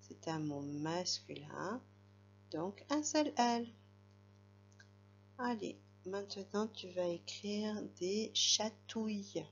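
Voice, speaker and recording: Slow, patient woman dictating spelling words. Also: mid-range voice, expressive, slight background noise. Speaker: teacher. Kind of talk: spelling dictation lesson for a child. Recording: slightly dull, lo-fi recording.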